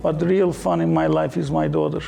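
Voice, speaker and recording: A man from Turkey with a Turkish accent, a guest on an interview show, speaking earnestly with halting fillers. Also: fairly high pitch, little pitch movement, creaky, loud music behind the voice. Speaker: guest entrepreneur. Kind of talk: casual interview talk.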